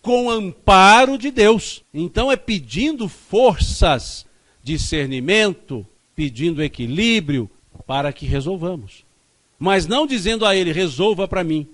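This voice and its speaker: This spiritist lecturer from Minas Gerais, Brazil, has an animated, high male voice and keeps a measured pace. Addressing a spiritist center's lecture hall, he stresses his points forcefully and says the important phrases again.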